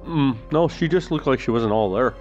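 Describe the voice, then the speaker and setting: A man voicing a friendly, chatty old sailor with a gruff salty manner in a tabletop game. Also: medium pitch, lively intonation, normal speed, darkish tone, muffled recording, natural voice. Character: friendly old male sailor, tavern regular. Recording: music behind the voice.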